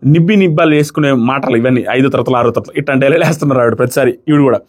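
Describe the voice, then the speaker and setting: A man reviewing a reality show in casual commentary, retelling each quarrel with animated quoting. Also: medium pitch, racing. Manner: animated retelling, acts out quotes.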